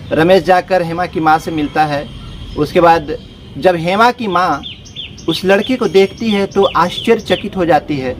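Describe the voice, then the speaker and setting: A man's voice: fairly high pitch, a little hiss or hum. A man casually narrating a story, talking to his listeners as friends in loose, repetitive phrasing.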